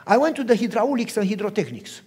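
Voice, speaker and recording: A man preaching a sermon who tells a story from his own life and acts out its dialogue in an animated way. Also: high voice, fast, slightly rough. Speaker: pastor. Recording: long reverb of a large hall.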